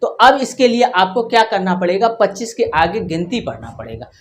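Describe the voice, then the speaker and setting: A woman's voice: medium pitch, big pitch swings, moderate pace, slight background noise. A woman teacher giving a patient workbook math lesson to young children, counting numbers aloud one by one. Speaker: primary school teacher.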